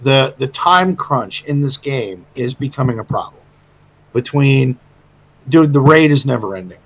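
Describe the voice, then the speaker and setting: A man co-hosting a casual gaming podcast, animated and swearing freely, often stammering and restarting. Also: mid-range voice, a little slow, dull audio. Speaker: podcast co-host.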